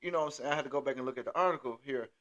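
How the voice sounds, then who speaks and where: A man's voice: mid-range voice, rapid-fire, fairly bright tone, muffled recording. A man hosting a casual chat, rambling with many restarts and filler phrases. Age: 30s. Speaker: podcast host.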